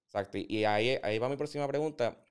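A man hosting a podcast interview, talking in an animated, opinionated way and mixing in English words. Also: medium pitch, quick pace, clear, resonant tone. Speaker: podcast host. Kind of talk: casual interview.

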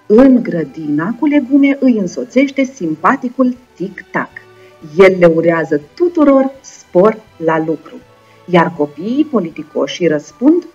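A young woman with a Moldovan Romanian accent teaches first graders in a video lesson. She speaks slowly and encouragingly, and she breaks words into syllables with a somewhat husky voice. The recording is dull and lo-fi, with faint music underneath. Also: fairly low pitch, a little mellow. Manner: slow, clear, encouraging, spelling words out syllable by syllable. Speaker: primary school teacher.

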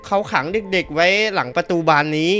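A man's voice: high-pitched, normal speed, a bit bright, faint music behind. A man playing through a horror game, reading its text aloud and yelping and swearing at scares. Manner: jumpy, yelps and swears at scares. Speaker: gamer. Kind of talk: horror game playthrough commentary.

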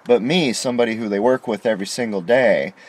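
Talking fast in a lowish voice, a middle-aged vlogger sits in his parked car at night venting to a dashboard camera aimed at him. He's aggrieved and indignant, pushing hard on every complaint.

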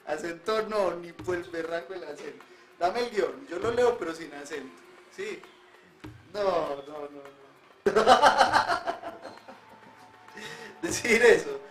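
A man delivers comic, emphatic banter in a high voice. He protests loudly, then slips into explaining math. Light music plays behind him. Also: unhurried. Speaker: guest in a comic math segment.

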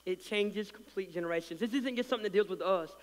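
A male pastor preaching a sermon with a slight lisp, swinging from loud passionate swells to quiet, soft asides and repeating words as he builds. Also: sits high, fast talker, long reverb tail. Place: church sanctuary.

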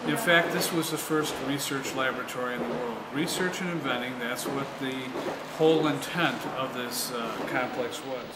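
A man guiding a museum tour indoors, speaking conversationally with fillers and pauses. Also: mid-range voice, heavy background noise. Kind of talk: guided tour talk. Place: historic laboratory building, indoors. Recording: echoey room with a crowd around.

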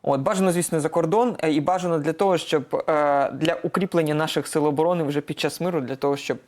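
A man hosting a live studio interview, asking questions in a quick, conversational way. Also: fairly high pitch, a little mellow. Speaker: interviewer, host.

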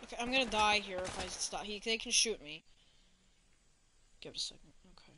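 A woman's voice: medium pitch, fairly quick, background noise. A woman streaming a video game, chatting casually to herself as she plays. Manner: chatty, talks to herself, drops to a whisper at times. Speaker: gaming streamer. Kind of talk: casual let's-play commentary.

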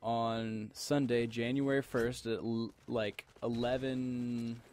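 Having had some alcohol, a man delivers casual game commentary to viewers, wandering off-topic and repeating himself. He speaks at a medium pitch, slowly, in a level and slightly mellow tone.

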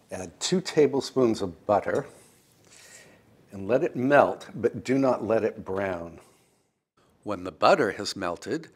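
Slow, low-voiced older American man cooking. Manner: calm, precise, gently encouraging. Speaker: cooking show host. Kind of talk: step-by-step cooking demonstration. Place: home kitchen, indoors. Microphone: lapel mic.

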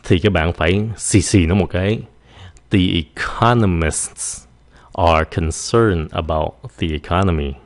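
A man with a very low voice teaches English vocabulary in a relaxed, chatty way. He stretches each English word out slowly for practice, then explains it quickly in his own language. The sound is dry and close. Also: no room sound. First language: Vietnamese. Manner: repeats words slowly to drill pronunciation, then switches to quick explanation. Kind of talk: casual teaching in Vietnamese with English examples.

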